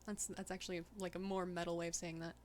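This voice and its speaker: A woman's voice: lowish voice, flat delivery, fast, slight background noise. A woman streaming a game, chatting casually and laughing often with her co-host. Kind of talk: casual gameplay chat.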